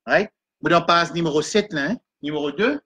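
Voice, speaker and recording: A man leads a Quran reading lesson, sounding out each letter and vowel slowly and repeating syllables for his students. His voice sits high for a man, with a bright, forward tone. He drifts between French, English and Arabic terms as he explains. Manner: slow and repetitive, sounding out syllables one by one.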